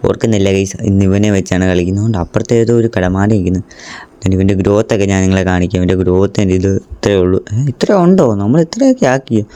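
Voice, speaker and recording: Excitable man doing gameplay commentary. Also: sits low, quick pace, no echo. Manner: excitable, frequent exclamations; addresses viewers directly. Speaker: gaming YouTuber.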